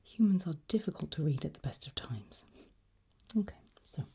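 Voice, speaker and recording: In this ASMR examiner roleplay, a woman speaks in a low-pitched, breathy, husky whisper at normal speed. Her intonation is lively, and her manner stays soft, reassuring and encouraging.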